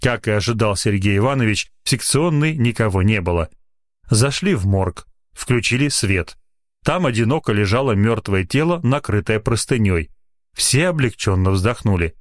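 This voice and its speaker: Male audiobook narrator, animated intonation, expressive reader. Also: on the low side, normal speed. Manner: expressive reading that moves between voices.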